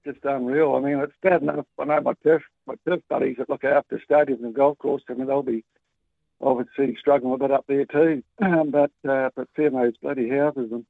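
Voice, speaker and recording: A man's voice: medium pitch, steady tone, a little fast, creaky, no echo. A man with a New Zealand accent calling in to a talkback show on his phone's speaker, rambling and colloquial with lots of ums and restarts. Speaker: caller. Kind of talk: casual talkback call. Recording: tinny dry phone line on speaker.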